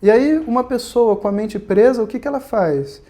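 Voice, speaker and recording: A man's voice: very high-pitched, lively intonation, normal speed, mellow. A man with a Brazilian Portuguese accent teaching Vedanta in a conversational, storytelling way. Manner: conversational, storytelling, frequent tag questions. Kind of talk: recorded online lecture.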